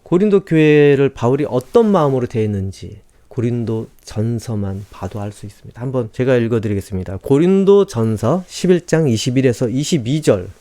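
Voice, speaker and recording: Mellow-voiced male pastor preaching. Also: medium pitch, lively intonation, a little fast, few pauses. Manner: conversational preaching with rhetorical questions. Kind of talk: sermon.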